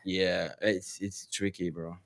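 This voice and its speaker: A man's voice: low voice, flat delivery, slow, creaky. A man with a French accent hosting a casual crypto livestream, rambling with lots of fillers, swearing and laughing.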